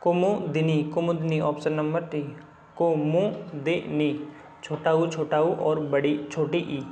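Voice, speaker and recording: A man's voice: on the high side, little pitch movement, slow pace, warm tone, reverberant, a little hiss or hum. A man teaching Hindi spelling for exams, running through a book's questions and repeating each word over and over with casual asides. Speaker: Hindi exam tutor. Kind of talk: spelling lesson walking through a book.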